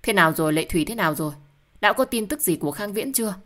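A woman's voice: mid-range voice, animated, rapid-fire, a bit bright, pitched above the performer's own voice, lightly acted. A woman voicing a joking male best friend who teases and exclaims in surprise. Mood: alarmed.

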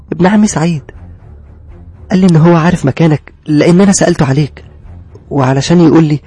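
A man with an Egyptian accent and a raspy voice narrating a horror story in a brooding, confessional first-person way. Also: a little high, mellow.

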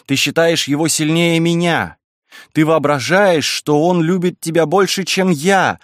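A man's voice: on the high side, a little slow, no echo, studio quality, pitched above the performer's own voice, lightly acted. A man doing a wild, passionate young woman. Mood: defiant. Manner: impassioned, pleading, raised voice.

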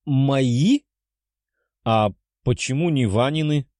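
A man voicing a bold, determined young woman in an audiobook, lifting his voice higher and sounding eager. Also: takes it slowly, darkish tone, no echo, studio quality, natural voice. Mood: surprised. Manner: raised pitch, eager. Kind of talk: audiobook character voice.

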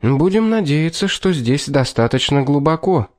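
A man voicing a female driver who speaks flatly and without emotion in an audiobook. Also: fairly high pitch, normal speed, no echo, studio quality, voice pushed up, lightly acted. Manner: flat, unemotional.

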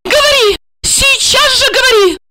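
A shrieking, hysterical young wife, her voice flung far above the reader's own and loud. She screams her accusations in near-sobbing fury, in a storybook reading with a crisp, dry sound. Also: very high voice, normal speed, no echo, voice pushed up.

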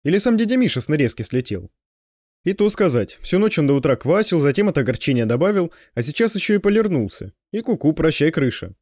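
A man narrating an audiobook with expressive storytelling. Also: on the high side, quick pace, no room sound. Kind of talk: scripted narration.

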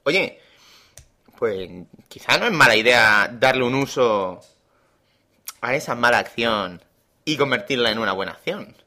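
A man with an accent from Spain talks on a casual podcast with a bright, forceful tone. He tells stories in an animated way and speaks bluntly. His pitch is ordinary for a man. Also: measured pace, long pauses. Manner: animated storyteller, blunt and frank. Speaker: podcast co-host.

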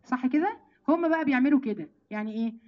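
An Egyptian woman leads a Quran commentary lesson at a brisk clip, her voice sitting a little high. She throws rhetorical questions at her listeners and slows right down to recite verses. The recording is muffled and lo-fi. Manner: lively, rhetorical questions, addresses listeners directly; recites verses slowly and deliberately. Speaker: religious teacher.

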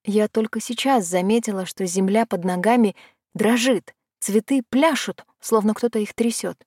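A woman reading a first-person fantasy story aloud in a measured storytelling manner. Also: mid-range voice, darkish tone, dry recording, clean studio sound. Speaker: audiobook narrator.

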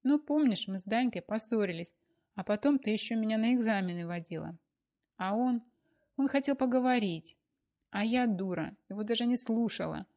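A woman's voice: on the high side, lively intonation, moderate pace, darkish tone, pitched above the performer's own voice. A woman voicing an exhausted young woman who blames herself and complains tearfully, in an audiobook. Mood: distraught. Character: weary, self-blaming young woman. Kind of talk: audiobook character voice.

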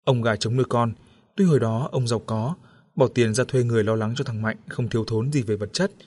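Male storyteller, steady measured reading, mid-pitched voice. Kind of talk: scripted horror story narration.

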